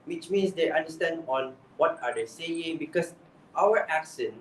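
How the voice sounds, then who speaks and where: A young English speaking coach with a Malaysian accent offers exam tips earnestly, often restarting his phrases. His fairly high voice is animated and unhurried, with a little hiss or hum, and it sounds distant in an echoey room.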